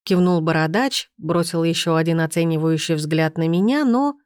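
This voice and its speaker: A woman narrating a first-person audiobook in an even, expressive reading. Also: sits low, normal speed, clear, resonant tone, no room sound, clean studio sound.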